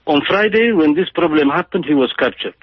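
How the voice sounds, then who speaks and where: A man delivers impassioned political commentary in a slightly high, husky voice. He speaks haltingly and with emphasis, stumbling over restarts and fillers. The sound is dry and dull, like an old radio broadcast. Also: animated, dry recording.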